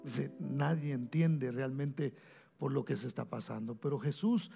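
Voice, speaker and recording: Man, pastor, sermon, rough creaky voice, repeats himself for emphasis, goes loud then hushed. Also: medium pitch, a little slow, faint music behind. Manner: addresses listeners as brother, swings from loud to hushed.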